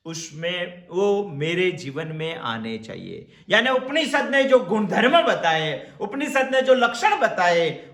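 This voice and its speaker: A man giving a slow spiritual discourse on scripture, repeating his phrases for emphasis and chanting verses. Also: sits high, a bit bright, roomy sound. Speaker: Upanishad teacher.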